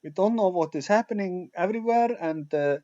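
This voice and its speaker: A man from Iceland, hosting an online meeting over a video call and talking haltingly as he searches for his words. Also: high voice, expressive, dark tone. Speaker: meeting host. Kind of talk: casual online meeting talk. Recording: muffled video-call audio.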